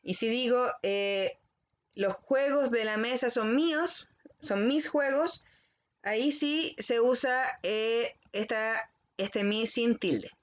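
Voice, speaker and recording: A woman teacher, speaking in a fairly high voice. She gives a recorded lesson to children at an unhurried pace, spelling each point out carefully and checking in often to make sure they follow. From Chile.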